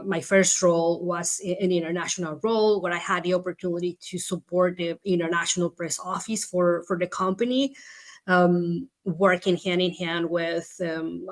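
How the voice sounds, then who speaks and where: Low, even-voiced woman from Mexico. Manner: measured, with frequent pauses and fillers. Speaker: webinar panelist. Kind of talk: self-introduction on a webinar.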